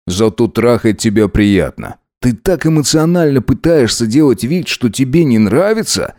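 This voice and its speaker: A self-satisfied rich young man needles his partner in a relaxed, mocking tone, his pitch moving freely in a mid-range voice played by a man in an audiobook drama. He never sounds in a hurry. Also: no echo, clean studio sound, lightly acted. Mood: smug, teasing. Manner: teasing, self-satisfied, unhurried. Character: smug, wealthy young man who mocks and teases.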